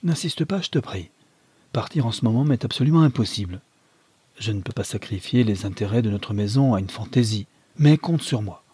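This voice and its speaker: A man voicing a businesslike husband who calmly soothes and dismisses his wife in a read novel. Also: on the low side, a little fast, slightly rough, no echo. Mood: patronizing. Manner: calm, patronizing reassurance.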